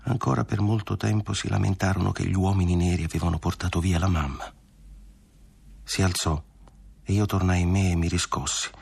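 Deep gravelly male audiobook reader. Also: fairly even intonation, darkish tone. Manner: measured, dramatic reading. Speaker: audiobook narrator. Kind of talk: literary reading.

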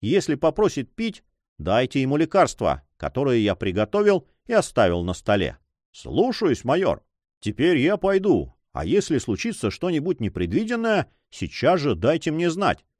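A man voicing a calm ship's doctor who speaks in a reassuring way. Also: medium pitch, normal speed, no room sound, clean studio sound.

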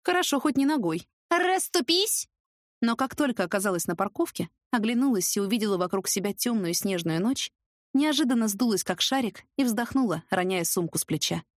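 A woman narrating an audiobook in the first person, lively and sarcastic, with an expressive delivery. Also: medium pitch, brisk, dry recording, studio quality.

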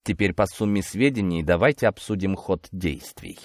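A man voicing a calm, stern older colonel who speaks dryly and unhurriedly. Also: sits low, no echo, voice pushed down. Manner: dry, unhurried, authoritative.

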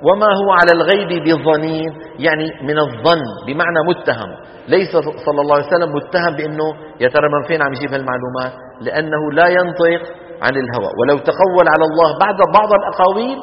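A man teaching Quran recitation rules, quizzing his students and chanting example verses slowly. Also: fairly high pitch. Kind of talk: classroom lecture on tajweed. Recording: dull recording in a reverberant hall.

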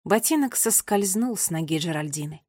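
A woman narrating a children's fantasy story in a lively, dramatic reading. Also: lowish voice, moderate pace, no echo, studio quality. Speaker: audiobook reader. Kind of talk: scripted narration.

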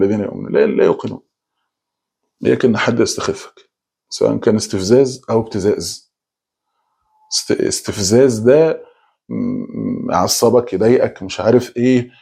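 A man preaching with an Egyptian Arabic accent, talking quickly with frequent restarts and repeated words. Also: medium pitch, dark tone. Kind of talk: religious talk.

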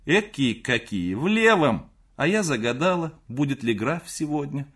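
A man voicing a fussy middle-aged mother in an audiobook reading, calling out in a shrill voice. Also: sing-song, moderate pace, a bit bright, slightly rough, full character voice.

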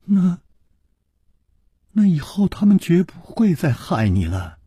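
Man voicing an outspoken young woman, raised pitch, husky, dry. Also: big pitch swings, slow, dark tone, no echo, heavily acted. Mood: urging.

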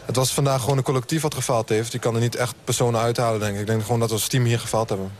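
Very fast-talking male goalkeeper. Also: mid-range voice, steady tone. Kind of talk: post-match interview.

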